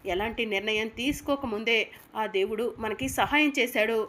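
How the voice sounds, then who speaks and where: A woman's voice: fairly high pitch, normal speed, fairly bright tone, natural voice. A woman reading the lines of a caring mother who coaxes and comforts her son in a serial recap. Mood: tender. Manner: tender, coaxing.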